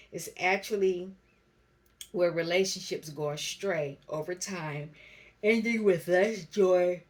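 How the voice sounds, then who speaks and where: A woman with a low voice gives a spiritual card reading straight to her camera. She talks slowly and reflectively and reads each card's meaning aloud in an even, gentle flow. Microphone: camera mic.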